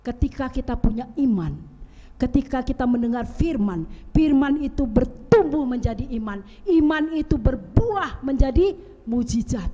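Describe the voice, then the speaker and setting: A woman's voice: high voice, animated, normal speed, mellow. A woman church elder preaching a sermon and leading prayer, emphatic and rising sharply on her key points. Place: church sanctuary. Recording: long church reverb.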